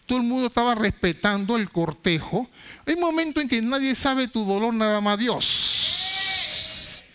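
A man preaching a sermon, emphatic, swinging between loud declarations and hushed low phrases, with repetitive stammering restarts. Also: sing-song, a little slow.

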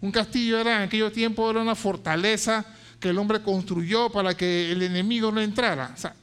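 High-pitched fiery male preacher. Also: fairly even intonation, brisk, smooth. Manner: impassioned, rising to shouted declarations; frequent stammered restarts. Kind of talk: sermon.

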